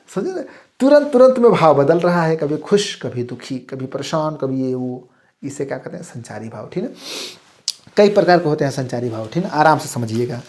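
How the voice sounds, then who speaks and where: A man from India teaching an exam-prep lesson, who keeps asking whether the class follows and reads lists of terms slowly and clearly. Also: fairly high pitch, a little mellow. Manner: repeats "ठीक ना?" to check the class, stresses each term. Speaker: Hindi teacher.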